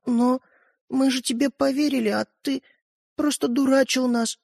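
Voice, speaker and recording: A man's voice: sits high, animated, brisk, dry recording, studio quality. A man voicing a thoughtful, easily hurt young boy in a storybook, asking questions. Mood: questioning, hurt.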